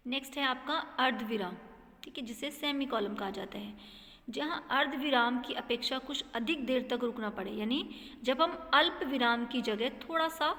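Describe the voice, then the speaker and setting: Woman teacher, patient classroom explainer, higher voice, reverberant room. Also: a bit bright. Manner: explains patiently, checks in with "ठीक है". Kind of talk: classroom lesson.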